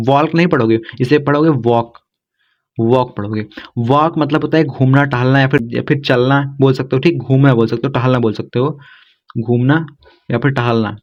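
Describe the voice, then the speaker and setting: A man teaching English vocabulary to learners, going word by word and repeating each one with a steady "okay". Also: medium pitch. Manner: repetitive, keeps saying "thik hai". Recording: slightly dull lo-fi sound.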